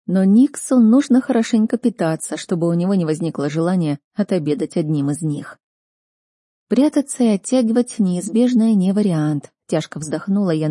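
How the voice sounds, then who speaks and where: A woman narrating a first-person audiobook in an expressive, dramatic reading style on a close mic. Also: fairly low pitch, slightly rough, no echo.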